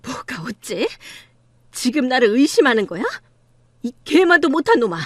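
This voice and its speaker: A woman's voice: high voice, big pitch swings, normal speed, dry recording. Woman doing hurt indignant mother, fifties, reproachful, pleading, audiobook drama, dry close sound. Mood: upset. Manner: pleading, then fiercely indignant.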